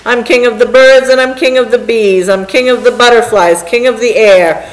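A woman's voice: on the high side, steady tone, normal speed, pitched above the performer's own voice, natural voice, low-quality recording. A woman voicing a bragging, bossy turtle king in a storybook, pompous and commanding. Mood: gloating.

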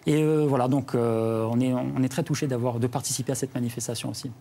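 A comic book writer talking in a TV studio, hesitant and earnest, with many fillers. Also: male voice, mid-range voice, steady tone, quick pace, gravelly, warm tone. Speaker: comic book writer, festival jury member. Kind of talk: TV studio talk.

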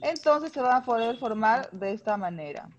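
A woman's voice: a little high, expressive, normal speed, lo-fi sound. A woman teacher with a Peruvian Spanish accent, explaining a grammar lesson patiently in an online class and checking understanding with frequent tag questions.

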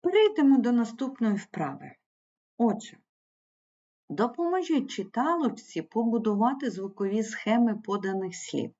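In a slow, explanatory online lesson, a woman teacher patiently spells out sounds and syllables for a primary school language class. Her voice is medium-pitched and dark, and the recording is lo-fi.

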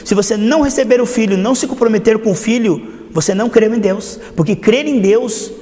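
A man's voice: high-pitched, brisk, mellow. A man preaching a sermon as pastor, acting out short dialogues to make his points. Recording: long hall reverb.

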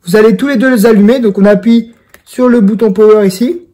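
Speaking a little fast with fairly even intonation, a young man with a high, warm voice presents a casual product tutorial. The video creator addresses his viewers directly and informally from a room in his home.

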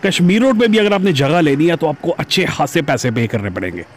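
A motovlogger from Pakistan speaks fairly quickly on the high side, his pitch swinging widely, while riding a motorbike along a busy city road. Filmed on a helmet-mounted camera with slight background noise, he chats casually and calls viewers "janab".

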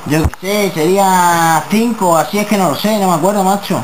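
A caller with an accent from Spain speaks over a landline phone at a middling pitch. The talk is casual, slangy and insistent, full of questions and complaint. The line is clearly noisy. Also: a little fast. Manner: insistent, colloquial, repeatedly asking. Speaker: prank caller.

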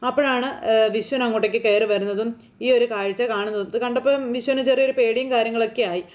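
A woman's voice: a little high, fairly even intonation, fast talker. A woman recapping a TV serial episode in chatty, casual storytelling, with a running narration full of fillers.

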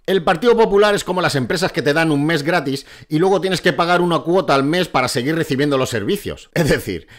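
A middle-aged man commenting on a political clip in a sarcastic, mocking way, swearing freely. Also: a little high.

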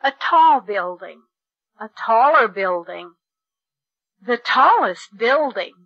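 A woman reading sentences for a school English textbook recording, enunciating slowly and precisely. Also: a little high, expressive, breathy edge, no room sound, muffled recording. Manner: slow, precise enunciation for learners. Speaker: textbook audio reader. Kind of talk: slow, clear textbook reading.

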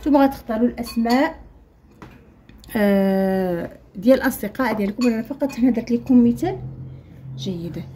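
A woman with a Moroccan Arabic accent teaching primary school children an Arabic lesson, slowly spelling out letter sounds and mixing standard Arabic with Moroccan dialect. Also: on the high side, mellow, slight background noise. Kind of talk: explaining a textbook lesson to children.

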